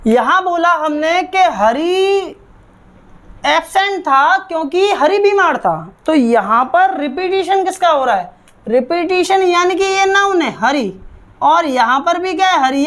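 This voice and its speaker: A woman's voice: very high voice, a bit bright. A woman teaching an online English grammar lesson, drilling terms and answering her own quiz questions.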